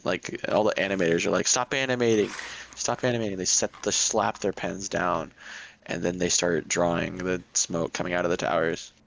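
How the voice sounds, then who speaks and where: A young man co-hosting a podcast in casual chat, rambling and halting with lots of fillers and restarts. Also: sits low, level tone, creaky, a bit bright, slight background noise, low-quality recording. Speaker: podcast co-host.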